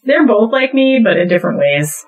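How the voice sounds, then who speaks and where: A woman's voice: a little high, big pitch swings, brisk, recorded from a distance. A woman in her thirties co-hosting a podcast, chatting casually and laughing along, recorded through a poor, failing microphone. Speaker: podcast co-host. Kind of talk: casual chat. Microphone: cheap podcast mic. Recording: poor, failing mic, set off from the mic.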